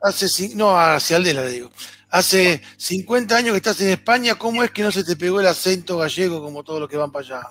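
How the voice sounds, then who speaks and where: High bright teasing man. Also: lively intonation, fast talker. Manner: teasing, joking. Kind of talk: casual radio chat.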